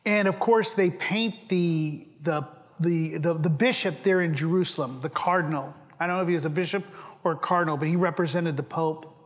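A man's voice: on the high side, normal speed, big-room sound. A pastor delivering a sermon to his congregation, earnest and emphatic, often restarting his phrases. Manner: earnest preaching with rising emphasis and frequent restarts.

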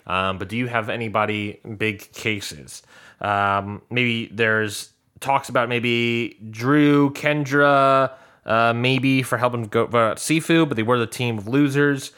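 A man's voice: mid-range voice, fairly even intonation, slow, a bit bright, clear, resonant tone. Playful, teasing man co-hosting a podcast. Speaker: podcast co-host. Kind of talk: casual podcast chat.

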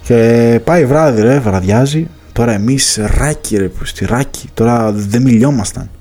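A man's voice: mid-range voice, mellow. A man hosting a podcast, telling a camping story in casual chat, laughing often and swearing a lot. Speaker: podcast host.

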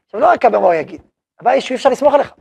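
Gravelly, husky man teaching a lesson. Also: very high voice, no room sound. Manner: animated storytelling, acting out short dialogues; asks the class questions and answers them. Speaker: yeshiva head teaching a class. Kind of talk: spoken Torah lesson.

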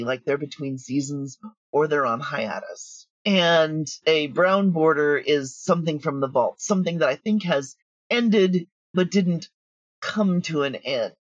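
A middle-aged woman, an audio drama writer and producer, talks as an interview guest in a low voice. She's blunt, self-assured and chatty. The recording has no echo, but the highs are cut off.

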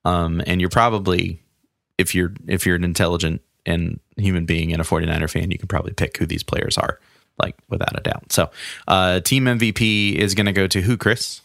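A man's voice: deep voice, steady tone, brisk, vocal fry, a bit bright, no room sound, studio quality. A man hosting a casual sports podcast, talking in a loose, rambling way that runs segments as he goes. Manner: loose, rambling, many fillers and restarts. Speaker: podcast host.

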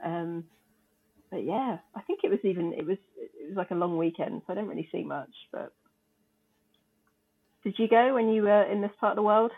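A woman's voice: medium pitch, moderate pace, long pauses. Chatty woman on a tinny line. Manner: chatty, laughs easily, many fillers. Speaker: podcast co-host. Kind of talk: casual chat.

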